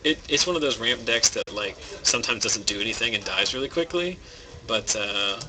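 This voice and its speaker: A man giving relaxed, rambling commentary on a card game match, thinking aloud. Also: mid-range voice, fairly quick, poor audio. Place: game store. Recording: background noise in a game store.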